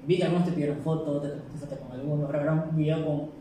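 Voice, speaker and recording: A man hosts a relaxed podcast chat and nudges his guest along with questions. His voice is warm and a little high, and it sounds distant in a strongly echoing, faintly noisy room. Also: very fast. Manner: asks easygoing, prompting questions. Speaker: podcast host. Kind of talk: casual chat. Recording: roomy echo, distant mic, noisy.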